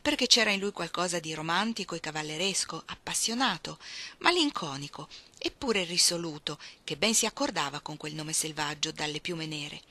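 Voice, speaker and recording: Bright-voiced Italian-reading woman narrator. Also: low voice, moderate pace, dry recording. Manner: expressive, shifting between soft hushed phrases and emphatic ones. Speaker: reader. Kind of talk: literary audiobook reading.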